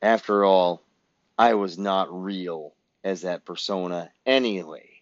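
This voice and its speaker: A man's voice: deep voice, slow, dry recording. A man, ranting bluntly and profanely as a podcast host. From Illinois, US Midwest. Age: 50s. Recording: dull, dry lo-fi recording.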